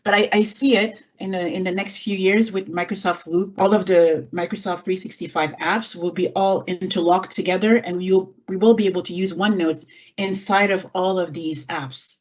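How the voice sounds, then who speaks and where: Over an online video call from indoors, a middle-aged guest answers interview questions conversationally; she was born in France, grew up in California, and is an executive assistant and software trainer. She speaks at normal speed with a fairly low pitch and fairly even intonation. The call audio comes through dull and muffled.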